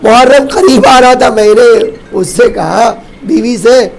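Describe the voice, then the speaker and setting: A man, a Shia cleric, telling a story in a mournful devotional sermon, with emotive sudden rises and drops and slow, drawn-out phrases at key points. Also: very high-pitched, vocal fry, low-quality recording. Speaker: Shia cleric reciting a majlis.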